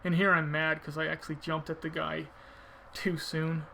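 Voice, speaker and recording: A man's voice: fairly high pitch, flat delivery, moderate pace, creaky, sharp tone, slight background noise. A man giving casual video game commentary, thinking aloud informally as he explains his technique.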